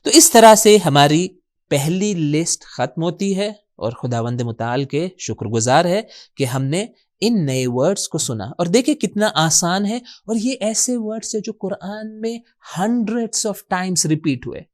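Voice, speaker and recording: A man teaching the meanings of words in a lesson. He asks questions and answers them himself, repeats key words slowly and drops in English words. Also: sits high, expressive. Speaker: Quran vocabulary teacher. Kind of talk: explanatory lesson.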